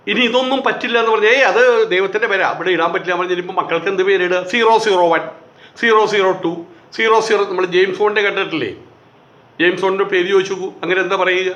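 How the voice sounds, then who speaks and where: A man's voice: sits high, bright, forceful tone. A man delivering a heated, sarcastic monologue of commentary, often mimicking others in quoted asides. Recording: echoey, slightly dull recording.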